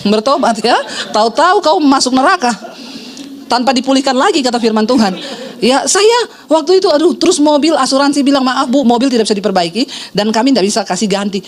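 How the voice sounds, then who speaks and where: In her sermon, a middle-aged woman pastor tells a story quickly, her voice sitting high, and she lively imitates the voices of those she quotes.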